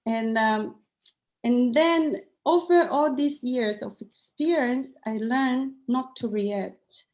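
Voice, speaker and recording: Her darkish voice on the high side, a middle-aged woman with a Cantonese accent talks slowly in an interview as a guest. She comes across earnest and candid, with frequent restarts and repeated words.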